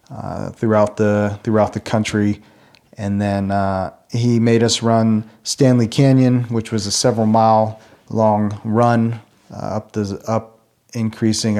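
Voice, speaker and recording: A man in his thirties giving an earnest, reflective personal talk to a church audience, unhurried and full of small fillers and restarts. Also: fairly low pitch, darkish tone. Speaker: church ministry speaker.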